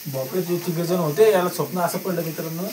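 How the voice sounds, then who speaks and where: A man's voice: on the high side, fairly even intonation, fast, a crowd in the background. A man vlogging casually at home with his family, chatty and coaxing a small child to talk. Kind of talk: casual home vlog chat. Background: background music.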